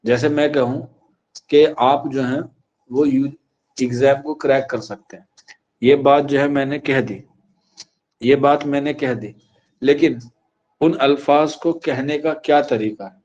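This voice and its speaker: A man's voice: mid-range voice, fairly even intonation, darkish tone. A man teaches an exam-prep class in a medium voice. He poses questions to his students and says key lines over and over so they can write them down. The recording sounds dull and lo-fi. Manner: repeats key phrases slowly for dictation; asks the class questions then answers them.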